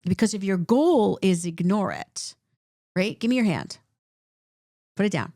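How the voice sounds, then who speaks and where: A woman's voice: mid-range voice, unhurried, no echo. Woman, clinician co-host, explanatory chat, dry close sound. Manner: animated, repeats points with "right?". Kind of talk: conversational explanation.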